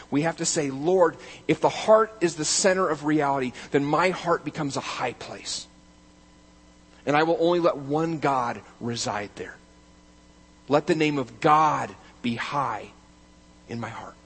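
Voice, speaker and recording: This pastor's sermon swings between forceful, loud proclamations and calm, measured passages read softly. His voice is medium in pitch with a breathy edge.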